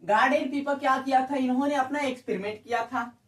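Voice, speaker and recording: A man's voice: extremely high pitch, a little fast, fairly bright tone. A male biology teacher giving an exam-prep lecture, who keeps asking rhetorical questions, repeats key terms and checks that students follow. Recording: echoey room, speaker far from the mic.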